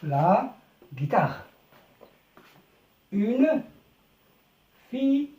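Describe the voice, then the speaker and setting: A French teacher giving a beginner phonics lesson, stretching out syllables and repeating each word slowly. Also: medium pitch, sing-song, warm tone, recorded from a distance. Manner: slow, drawn-out syllables, repeating words. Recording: echoey room, voice from off the mic.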